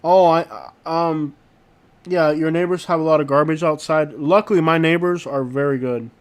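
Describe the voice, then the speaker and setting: A man hosting a casual live stream, talking in an informal, slangy and halting way and often repeating himself. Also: a little high, fairly even intonation, clean tone. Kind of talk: casual live stream chat, reacting to viewers. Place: inside a rented house.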